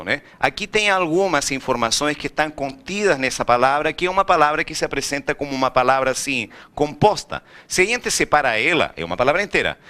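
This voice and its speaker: A man teaching Spanish in a classroom, often asking the students questions. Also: on the high side. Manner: lively, rhetorical questions to students. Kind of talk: recorded classroom lecture.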